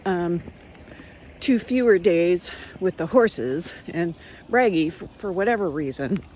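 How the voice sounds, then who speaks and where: A woman hosting her own podcast, chatting in an unhurried way with frequent ums and pauses, recorded on a phone. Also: fairly low pitch, animated, darkish tone, slight background noise. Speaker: podcast host. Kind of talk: casual chat.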